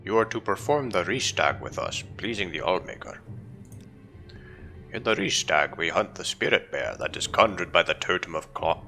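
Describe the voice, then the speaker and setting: A man's voice: low voice, lively intonation, moderate pace, gravelly, sharp tone, exaggerated voice. A man reading out the lines of a stern male barbarian hunt leader in a commanding, solemn way. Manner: commanding, solemn read-aloud delivery. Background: game music.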